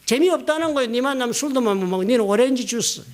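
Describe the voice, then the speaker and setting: A middle-aged man from South Korea, a pastor preaching a sermon in a church, telling personal stories with lively emphasis. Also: quick pace. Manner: storytelling, animated, rising emphatic pitch, quoting others. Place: church sanctuary.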